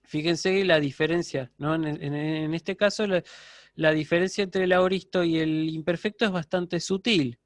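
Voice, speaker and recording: High-voiced lecturer explaining patiently. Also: male voice, steady tone, moderate pace, no echo. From Argentina. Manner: explanatory, keeps checking with students. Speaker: university lecturer. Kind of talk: online lecture.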